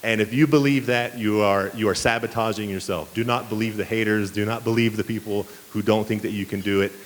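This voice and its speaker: A man's voice: on the low side, steady tone, fairly quick. A man giving an earnest speech to students at a banquet, with many fillers and restarts. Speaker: banquet speaker. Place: banquet hall. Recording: reverberant hall with faint hiss.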